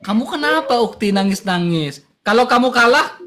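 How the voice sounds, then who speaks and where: A man's voice: very high-pitched, animated, normal speed, sharp tone, a little hiss or hum. A man hosting a live-stream chat, teasing his guest in a mock-preachy way.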